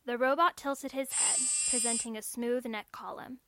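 A woman narrating a story in a measured, clear storytelling manner. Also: a little high, steady tone, background noise.

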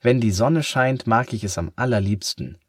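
A man's voice: medium pitch, normal speed, no echo, studio quality, voice pushed up, lightly acted. A man voicing an earnest young boy in a children's story, lifting his voice above his own. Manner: earnest, lifted voice.

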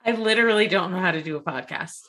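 A woman's voice: lowish voice, fast, fairly bright tone. A woman co-hosting a podcast over a video call, chatting casually and laughing often, her voice echoing like she's in a cave. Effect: cave-like echo. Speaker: podcast co-host. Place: different location than usual, echoey room.

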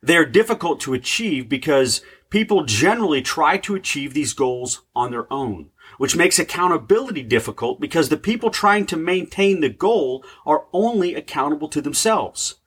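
A pastor preaches in an earnest, measured way. His voice is raspy and hoarse from allergies, with a husky, breathy edge. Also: a little high, expressive, a bit bright. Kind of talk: sermon.

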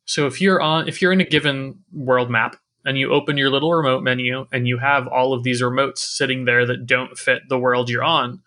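A man's voice: mid-range voice, sharp tone. A man talking casually and analytically about a video game as a podcast co-host.

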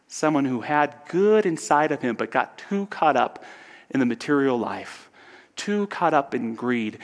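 A man giving a reflective spiritual talk in a soft, earnest way that sometimes drops to a whisper. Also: medium pitch. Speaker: speaker. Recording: long hall reverb.

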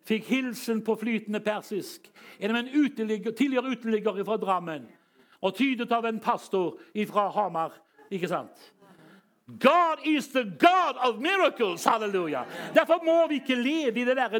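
A man preaching a charismatic sermon, telling stories and bursting into shouted hallelujahs. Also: high voice. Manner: storytelling that swings up into shouted hallelujahs, chuckles.

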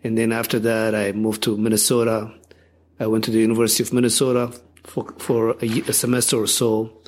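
An older man from Ethiopia, a podcast guest telling his life story in a reflective, halting way. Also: lowish voice, completely flat delivery. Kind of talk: interview storytelling.

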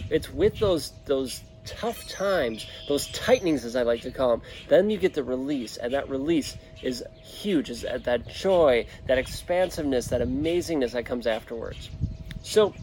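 This man hosts a podcast and vlog show, speaking outdoors in an open backyard with casual, earnest encouragement for his listeners. His voice is a little high and a little mellow. The recording carries clear outdoor noise: birdsong, some wind, and traffic now and then.

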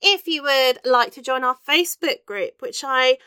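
High-pitched posh woman. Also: normal speed, pushed and bright, clean tone, dry recording. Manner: giggly, chatty, swears freely. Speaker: podcast co-host. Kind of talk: casual chat.

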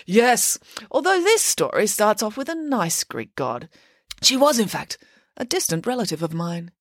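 Boastful pig nanny, high and swooping all over, woman puts her on, dry sound. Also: sing-song, normal speed, dry recording. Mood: grandly boastful. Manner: boastful and theatrical. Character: grand, vain, cake-loving female pig nanny.

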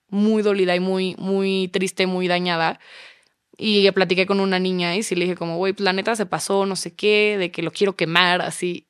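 Mexican woman in her twenties, podcast guest, animated storyteller, smooth and resonant, close dry sound. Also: on the low side, no echo. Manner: animated, acts out quoted dialogue. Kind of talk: casual storytelling chat.

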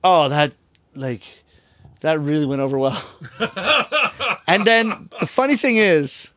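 A middle-aged rakugo storyteller speaks slowly in a somewhat high voice during a casual interview. He tells his stories with animation, acting out the voices of the people he quotes.

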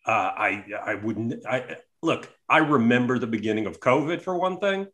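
Wry, hesitant man with a bright, lively voice. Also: mid-range voice, normal speed. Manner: hesitant, wry, restarts sentences. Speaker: podcast guest, comics artist. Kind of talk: casual conversation.

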